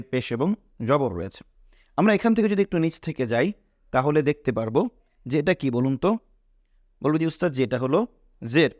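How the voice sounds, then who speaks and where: A man's voice: medium pitch, darkish tone, no echo, studio quality. A man teaching a basic Quran reading class, patiently repeating points and asking students questions in a Bangladeshi Bengali accent. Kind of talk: classroom lesson.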